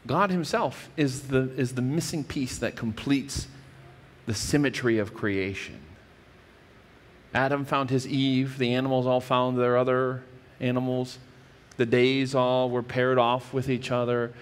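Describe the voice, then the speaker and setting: A man in his thirties delivers a sermon from a church stage, working through scripture in an earnest, teacherly way. His voice sits at an ordinary middle pitch and trails into a lingering hall reverb, with small restarts as he finds his words. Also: fairly even intonation, unhurried. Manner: earnest, explanatory preaching with frequent restarts. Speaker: pastor. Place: church stage with wood-paneled wall.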